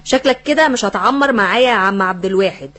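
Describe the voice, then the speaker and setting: A woman's voice: mid-range voice, quick pace, fairly bright tone, natural voice. An actress playing a bossy, short-tempered woman in a comic radio drama, speaking with an Egyptian Arabic accent and scolding sharply. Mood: angry.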